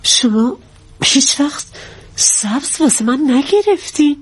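An actress playing a coy, sweet-talking traditional housewife. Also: female voice, sits high, expressive. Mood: chatty. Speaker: wife.

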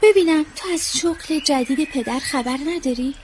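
A woman's voice: sits high, slight background noise, close to an everyday voice. Woman doing a teasing older cartoon brother. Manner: teasing, mocking. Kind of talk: cartoon dub.

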